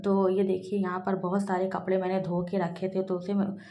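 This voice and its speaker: A woman's voice: mid-range voice, completely flat delivery, normal speed, mellow, reverberant. A woman in her thirties, a mother, narrating her daily vlog in a plain, homely way with many fillers.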